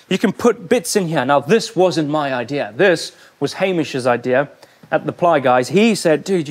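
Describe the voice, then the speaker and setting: A man's voice: fairly high pitch, no room sound. A man vlogging casually as he builds out a van, chatty and self-mocking, tired from the work. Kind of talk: casual vlog while building. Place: inside a van under construction. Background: music.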